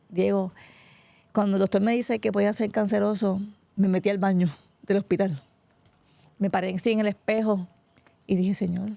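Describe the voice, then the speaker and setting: A middle-aged woman pastor from Puerto Rico gives a heartfelt, tearful testimony in an interview, often addressing the host by name as she tells her emotional story. Her mid-range voice is gravelly and warm, and there's no echo.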